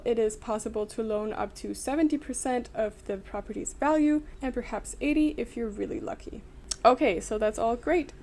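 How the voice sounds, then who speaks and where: A young woman from Denmark narrates an explainer for her vlog in an upbeat, clear, informative way. Her voice sits a little high but sounds mellow and warm. A faint hiss runs under the recording. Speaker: vlogger.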